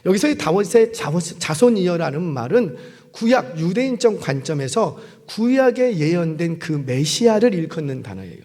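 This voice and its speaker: A man's voice: fairly high pitch, sing-song, normal speed, darkish tone. A man preaching a sermon as a pastor in a church, telling stories, acting out voices and putting questions to the congregation. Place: church sanctuary. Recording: long hall reverb.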